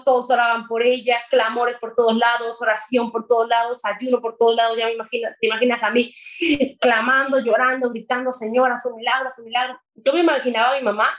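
A woman's voice: a little high, rough recording. Earnest Mexican woman giving her testimony. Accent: Mexican Spanish. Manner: earnest and emotional, with hesitations. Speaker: guest sharing her testimony. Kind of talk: personal faith testimony.

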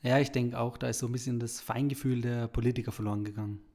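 A man hosting a podcast, talking in a calm, measured way and asking his guest questions. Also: mid-range voice. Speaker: podcast host. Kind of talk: casual podcast conversation.

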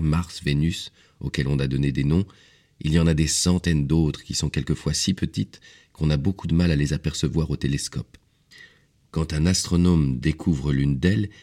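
A man narrating a story for an audiobook in a measured, expressive way. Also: rumbling low.

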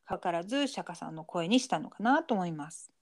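A woman casually going over a TV episode with a friend. She narrates each scene in an easygoing, steady way and slips in small chuckles. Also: fairly low pitch, brisk. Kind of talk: casual chat recapping a TV episode.

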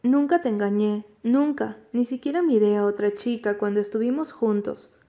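A woman narrating an audiobook voices a troubled young man who is blunt and still in love, speaking quietly and earnestly. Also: on the high side, moderate pace, close to an everyday voice. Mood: insistent.

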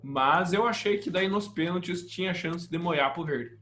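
A sports podcast panelist with a Brazilian accent offers colloquial, opinionated takes in a casual sports discussion. His voice is high, pushed and bright, delivered at a moderate pace, with background music behind him.

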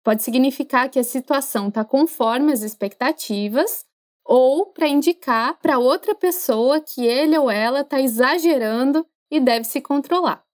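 A woman, teaching French in a podcast lesson, chatty and encouraging, slowing down to model pronunciation. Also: high voice.

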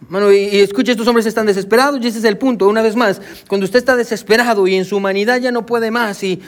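This pastor's voice sits high, with a steady tone and a fast delivery. Preaching with a sermon's rhythm, he keeps slipping in "amén" and "hermano," and he also switches into English with "so."

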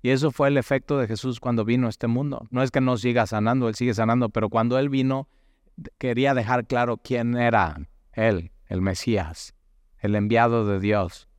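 An emphatic male preacher delivering a sermon, repeating key phrases for weight and stumbling over the starts of words. His voice is smooth and resonant, at a middle pitch, recorded dry and close with no room sound. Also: fairly even intonation, normal speed, no room sound. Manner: repetitive, emphatic, restarts words.

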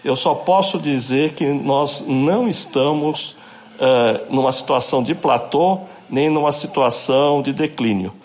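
A man, an epidemiologist being interviewed, explaining in a measured way with occasional thinking pauses. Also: mid-range voice. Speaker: epidemiologist guest. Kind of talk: expert interview answers.

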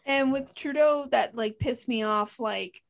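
A woman's voice: a little high, unhurried, vocal fry. A young woman from Canada co-hosting a podcast, talking in a heated, blunt way and swearing a lot. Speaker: podcast co-host. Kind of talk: casual chat.

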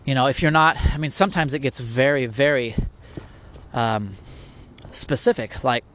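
A man's voice: medium pitch, normal speed, fairly bright tone. A man hosting a podcast, talking through a topic in a casual, reflective monologue full of restarts and rhetorical questions.

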